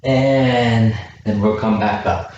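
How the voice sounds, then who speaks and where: Man coaching kids through a workout, unhurried, far from the camera mic in a very echoey room. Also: lowish voice, fairly even intonation, darkish tone, highs cut off. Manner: encouraging, counts reps aloud, asks kids questions. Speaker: youth fitness coach. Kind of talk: home workout class for kids. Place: indoor room with a chair. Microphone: camera microphone from a distance. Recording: very echoey room, distant mic, faint noise.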